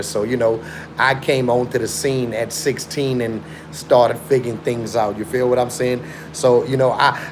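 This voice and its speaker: Using a mid-range voice with a little hiss or hum, a young host runs a casual live stream and drives his argument home through emphatic, repetitive slang. He was born in Chicago and grew up in South Africa.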